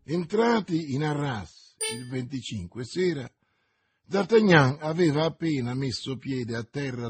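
A man narrating an adventure novel as an audiobook. His voice is husky and sits a little high for a man, and he reads steadily and expressively. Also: darkish tone. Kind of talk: audiobook reading.

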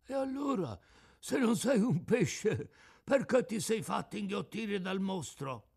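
A man's voice: high voice, very animated, slow, vocal fry, darkish tone, husky, voice pushed up, exaggerated voice. A man voicing a resigned, philosophical old male tuna with a cracked, out-of-tune voice, in an audiobook reading. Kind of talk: audiobook character voice.

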